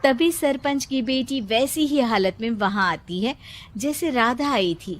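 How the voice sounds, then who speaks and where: A woman's voice: a little high, a little slow, slight background noise. A woman narrating a scripted moral story in the present tense.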